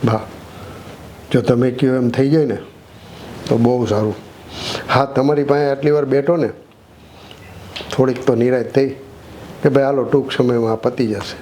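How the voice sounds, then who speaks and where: An actor playing a middle-aged son, worried but calm, talking with his mother in a short film. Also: medium pitch, moderate pace, long pauses, slight background noise, natural voice. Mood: relieved.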